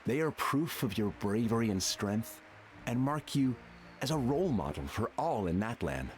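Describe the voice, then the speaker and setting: A man's voice: medium pitch, big pitch swings, moderate pace, slight background noise, natural voice. A man voicing a dignified, earnest ceremonial official in a video game, speaking in formal proclamations. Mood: solemn pride. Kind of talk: animated video game voice acting. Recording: music behind the voice.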